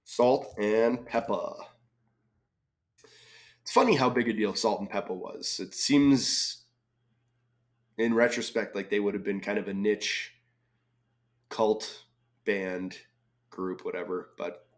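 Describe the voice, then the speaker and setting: Hosting a crossword video, a man works through a casual live solve, reading clues aloud and mulling his guesses in a relaxed, thinking-aloud manner. His lowish voice is a bit hoarse from a cold, and he talks slowly without hurry.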